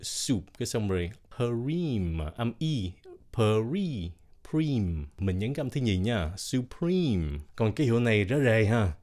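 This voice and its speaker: A man gives a casual spoken lesson. He breaks each word into syllables and repeats them slowly and very distinctly. His tone stays plain and patient, like a teacher drilling pronunciation. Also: on the low side, expressive, darkish tone. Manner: slow, over-enunciated, repeats words syllable by syllable.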